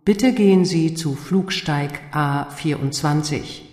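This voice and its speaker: A calm, low, very slow airport announcer, spoken by a woman, formal and carefully enunciated. Her voice rings out with a long hall reverb, as if over terminal loudspeakers. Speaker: airport announcer in a listening exercise. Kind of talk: slow scripted public announcement.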